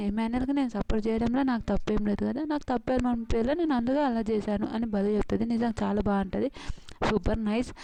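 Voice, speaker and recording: A woman's voice: fairly high pitch, vocal fry, noisy background. A woman recapping a TV show in a casual chat. She often acts out what people said, and her speech is full of fillers. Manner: retells scenes by quoting people, chatty with fillers. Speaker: TV show review host.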